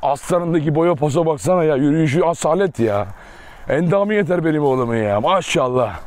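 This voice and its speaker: A man vlogs casually from an outdoor dog yard, chatting to viewers while coaxing and teasing his dogs. His voice is on the high side, animated, a little fast, and a little mellow, and the outdoor clip carries noise and barking.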